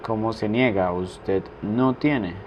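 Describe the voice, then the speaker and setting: Slow, patient male language teacher. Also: on the low side, darkish tone, a little hiss or hum. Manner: slow, deliberate, repeating phrases for practice. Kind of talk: French lesson taught in Spanish.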